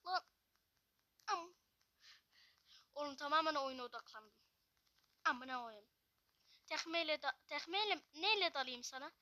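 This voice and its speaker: Woman, mobile game commentary, high voice, dry close sound, swearing, excitable. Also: no echo. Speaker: gamer. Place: playing a game on a phone.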